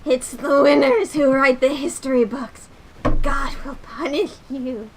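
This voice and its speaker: Woman as foiled old villain, male, sputtering, indignant, high voice, tabletop role-play, slight background noise. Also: a little slow. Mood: indignant, vengeful.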